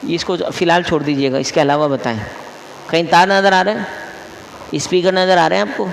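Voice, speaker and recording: High gravelly man teaching in echoey mosque. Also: steady tone, slight background noise. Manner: quizzes listeners, repeats each rule. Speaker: mufti teaching Quran recitation rules. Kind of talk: classroom lesson. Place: mosque hall. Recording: echoey hall with long reverb.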